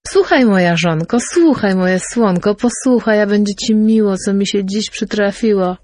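A woman's voice: fairly low pitch, quick pace, darkish tone, no echo, studio quality. A woman voicing a timid, henpecked old fisherman who stammers and talks in rhymes. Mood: wheedling. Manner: stammering, anxious, speaks in rhymes.

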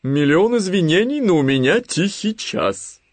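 A man voicing a fussy, bossy female owl who talks loudly and huffily. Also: medium pitch, huge pitch swings, measured pace, dry recording. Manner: loud, fussy, huffy.

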